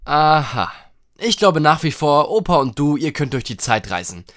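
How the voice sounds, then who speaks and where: A man's voice: a little high, sing-song, normal speed, fairly bright tone. A man playing Luke, a curious grandson in an audio drama, eagerly firing off questions.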